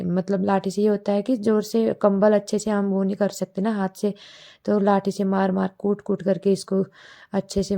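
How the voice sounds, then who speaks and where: A woman's voice: medium pitch, vocal fry, warm tone. Chatty young woman vlogging from home. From Uttarakhand, India. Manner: chatty, repeats "matlab" often. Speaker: village vlogger and mother. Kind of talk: casual vlog narration. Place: home courtyard outdoors.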